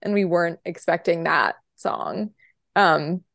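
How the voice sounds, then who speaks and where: A woman's voice: on the low side, takes it slowly, gravelly, a bit bright, dry recording, studio quality. A young woman in a band, chatting as a podcast guest, talkative and giggly. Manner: chatty, giggly, lots of fillers. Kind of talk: casual interview.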